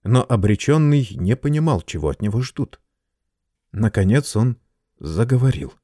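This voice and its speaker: A man reading a short story aloud in expressive scripted narration. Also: mid-range voice, normal speed, no room sound, clean studio sound. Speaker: audiobook reader.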